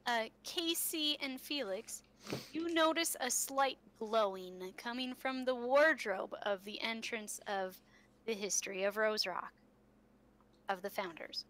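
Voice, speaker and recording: A woman running a tabletop game as game master, narrating at a slow, hesitant pace. Her voice is bright and a little high. Faint keyboard typing behind her. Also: a little hiss or hum. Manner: unhurried, hesitant with fillers.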